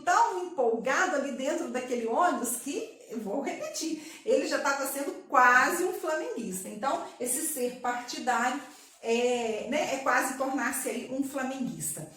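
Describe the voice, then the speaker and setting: A woman's voice: sits high, sharp tone, recorded from a distance, slight background noise. A woman teacher with a Brazilian accent giving a recorded class, patiently asking her pupils questions and answering them herself. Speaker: primary school teacher. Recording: very echoey room.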